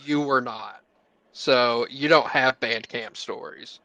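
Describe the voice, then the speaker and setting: A man's voice: mid-range voice, slow pace, sharp tone, no echo, lo-fi sound. A man co-hosting a podcast, chatting casually with crude, laughing banter. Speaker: podcast co-host. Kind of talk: casual chat.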